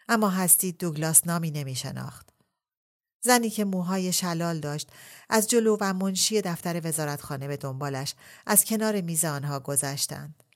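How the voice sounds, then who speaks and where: A woman narrating a novel in a calm, measured storytelling manner. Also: low-pitched.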